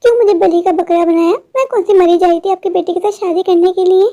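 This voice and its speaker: A woman's voice: very high-pitched, fairly even intonation, quick pace, dark tone. A woman voicing an indignant young daughter-in-law in a cartoon story, complaining about her in-laws.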